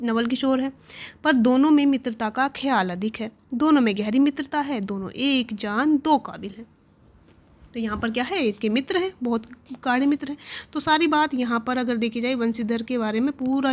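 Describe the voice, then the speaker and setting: A woman teacher reading a Hindi short story aloud and explaining it, asking questions and answering them herself. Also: on the high side. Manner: asks and answers her own questions.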